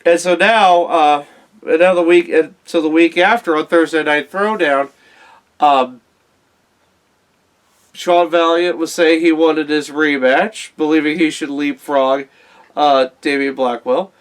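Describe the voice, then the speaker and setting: A man hosting a wrestling show in a casual, halting, conversational way. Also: fairly high pitch, steady tone.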